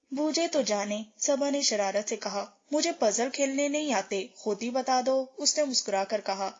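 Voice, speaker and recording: A woman narrating a novel as an audiobook, reading every character's lines in a steady storytelling manner. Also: a little high. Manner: steady storytelling, shifts tone for dialogue. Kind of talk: scripted novel reading, voicing all characters. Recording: dull lo-fi recording.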